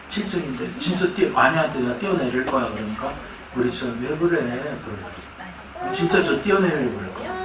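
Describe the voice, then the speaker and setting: A man preaches with a somewhat high voice. His lively, laughing stories carry through a roomy church hall, picked up from some distance. A steady noise sits under his voice. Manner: animated storytelling with laughter. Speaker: pastor. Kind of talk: sermon. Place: church sanctuary. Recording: echoey church hall from far off.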